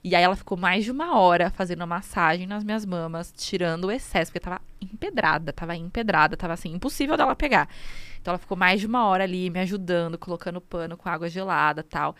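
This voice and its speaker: A young woman, a new mother, telling her story casually in an interview, emotional and animated, acting out what she said to herself. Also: fairly low pitch, quick pace, dry recording. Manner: emotional, animated storytelling with quoted inner speech.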